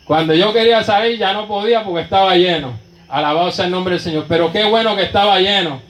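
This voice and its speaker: Fervent high-voiced preacher, echoey church. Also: male voice, quick pace, fairly bright tone. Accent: Puerto Rican Spanish. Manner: fervent, with constant interjections of praise. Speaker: pastor. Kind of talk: sermon testimony.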